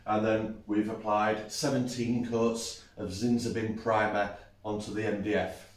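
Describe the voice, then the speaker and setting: Guy in his 30s chatting thru a workshop build, lowish voice, joking at himself, echoey shop. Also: level tone, unhurried. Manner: chatty, self-mocking, explains as he works. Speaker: woodworking channel host. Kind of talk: casual workshop commentary. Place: large indoor woodworking workshop. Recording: roomy workshop echo, faint noise.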